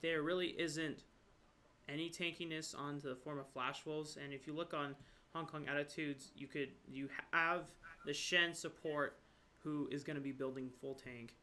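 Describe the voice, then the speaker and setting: A man giving live esports play-by-play and analysis as a caster, getting excited and jumping up in pitch when something surprising happens. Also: normal speed, a little hiss or hum. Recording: brief connection dropouts.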